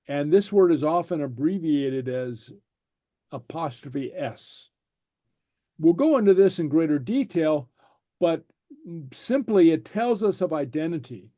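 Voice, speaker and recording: A man teaching a language class, explaining slowly and patiently, checking in with "okay?" after each point and using many fillers. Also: a little high, dark tone, dry recording. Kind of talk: slow explanatory class lecture.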